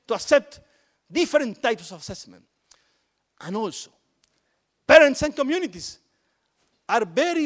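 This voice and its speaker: High-voiced man talking emphatically. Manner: emphatic, repeats words for stress. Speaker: education policy speaker. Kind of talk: panel talk on inclusive curricula.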